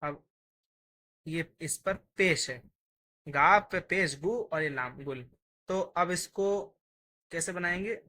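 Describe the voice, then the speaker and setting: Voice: medium pitch, slow pace, pauses often, pushed and bright. A teacher giving a patient, step-by-step Urdu writing lesson, sounding out each letter while writing it.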